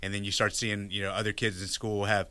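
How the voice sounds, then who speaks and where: A man in his thirties from Virginia talks candidly in a casual interview, circling back with fillers as he goes. His voice sits low and stays level, with a crisp, bright tone. The recording is dry and close. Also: level tone, fairly quick, dry recording. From Virginia, United States. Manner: candid, restarts with many fillers. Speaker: guest.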